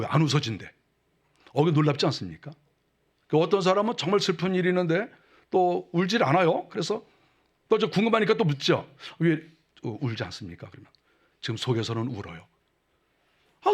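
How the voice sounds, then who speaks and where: High-voiced male pastor preaching casually. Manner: conversational, acts out mocking quotes in a lower voice. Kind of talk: sermon.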